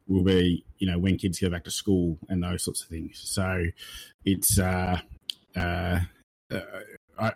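An Australian man chatting casually on a panel in a blokey, rough-and-ready tradesman manner. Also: sits low, darkish tone. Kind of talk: casual chat.

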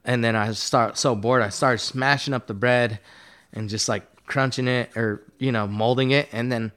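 A man's voice: medium pitch, steady tone, normal speed, fairly bright tone, smooth. A man, a guest artist, telling a long story in a casual, rambling and profane way, with many fillers. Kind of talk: casual storytelling in a podcast interview.

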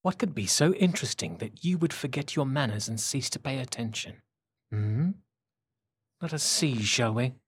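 A cruel, scheming villain taunts his captive in a slow, menacing drawl, as a man reads him. The voice is a little husky and sits at a middle pitch. The recording is dry and close. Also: lively intonation, no echo. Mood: whispering menace. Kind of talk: audiobook character voice.

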